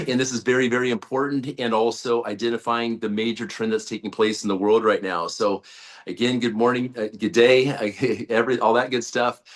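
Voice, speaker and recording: A man giving a rambling sales pitch on a group video call, full of fillers, restarts and hype. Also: steady tone, moderate pace. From United States. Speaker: guest, network-marketing leader.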